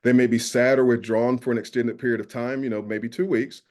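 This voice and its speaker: A man from New York with a Southern drawl, a school safety specialist presenting a webinar, earnest and filling pauses with "uh". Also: medium pitch, steady tone, darkish tone. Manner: earnest, many "uh" fillers.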